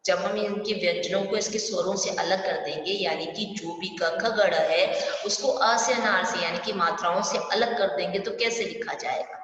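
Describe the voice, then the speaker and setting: A woman's voice: medium pitch, moderate pace, a bit bright, distant mic. A woman teacher leads a primary school language lesson, patiently working through each point and asking questions along the way. She sounds set back from the microphone in a very echoey room with a long tail of reverb, and the sound is somewhat dull. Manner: patient, explains step by step with frequent questions to pupils. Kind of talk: online class lesson.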